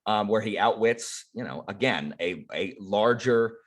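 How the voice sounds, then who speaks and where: Casting: husky man, lively guest, lots of fillers. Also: on the low side, unhurried. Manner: animated, filler-heavy, enthusiastic. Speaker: panel guest. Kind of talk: casual panel discussion.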